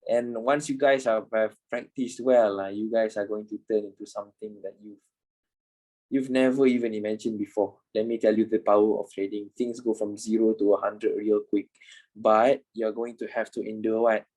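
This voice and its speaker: A man's voice: on the low side, level tone, normal speed, darkish tone, poor audio. A man in his twenties, a trading instructor talking informally in an online class, repeating himself and swearing casually. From Malaysia. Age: 20s.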